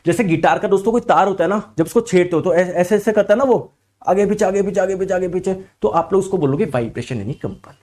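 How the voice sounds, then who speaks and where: A male teacher with a sore throat, giving an animated lecture. He keeps asking his students questions and then answers in their voice. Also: high voice, quick pace. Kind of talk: lively classroom lecture.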